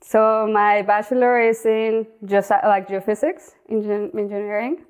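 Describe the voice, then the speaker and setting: As a guest in a relaxed interview, a young outdoor content creator describes herself in Mexican-accented English, Spanish being her native language. Her clear, resonant voice keeps to an even, narrow pitch, with pauses and restarted phrases along the way.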